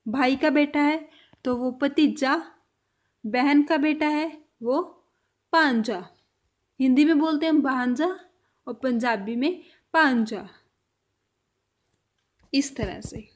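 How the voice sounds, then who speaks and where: A high-pitched woman gives a vocabulary lesson at an unhurried pace. She says each word, repeats it, and lets her voice drop and fade at the end of a phrase. She sounds patient and instructional. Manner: repeats each word slowly, trailing off softly. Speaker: language teacher.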